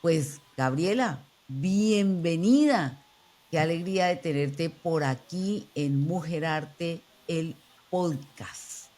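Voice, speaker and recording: A woman hosting a podcast interview, introducing her guest in a measured, emphatic way. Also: low-pitched, dark tone. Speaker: podcast host.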